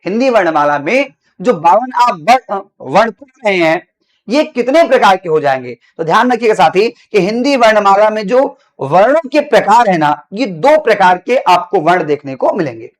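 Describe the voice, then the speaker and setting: A man's voice: sits high, animated. A male teacher giving an online grammar lesson. He asks the class questions, answers them himself, and repeats key phrases. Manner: slows down to dictate notes.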